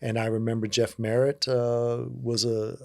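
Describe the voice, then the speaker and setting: A man's voice: mid-range voice, a little slow, vocal fry, no echo. Candid man in his fifties, dry sound. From Virginia. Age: 50s. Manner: relaxed, candid, self-joking. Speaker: interview guest. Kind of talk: casual storytelling conversation.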